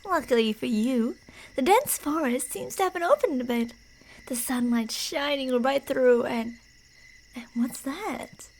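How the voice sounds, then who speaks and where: The recording is rough, and the woman's high-pitched voice runs a little slow. She voices a creepy, delusional yandere stalker for an ASMR horror roleplay, teasing and threatening as she narrates where her prey goes, sometimes sinking to a whisper.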